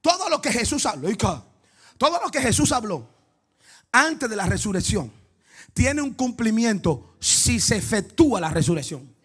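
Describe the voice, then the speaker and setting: A male pastor preaching a sermon, moving between quiet storytelling and shouted, chanting praise aimed at the congregation. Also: high-pitched, big pitch swings, normal speed, breathy edge. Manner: calls out to the congregation and cries out "woo".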